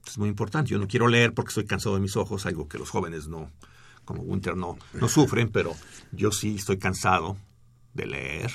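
A man's voice: low-pitched, fairly quick, vocal fry. A middle-aged man, a researcher explaining speech technology in a radio studio at length, with fillers and restarts.

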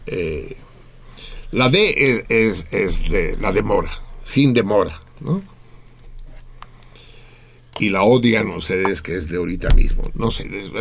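Mexican male radio host, gravelly low voice, faint noise, profane and lively. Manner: profane, lively explaining to listeners. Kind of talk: casual radio talk.

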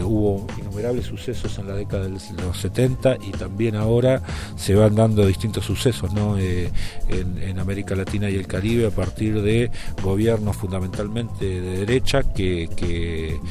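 Deep emphatic man. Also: steady tone, moderate pace. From Argentina. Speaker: university rector. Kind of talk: interview answer. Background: music.

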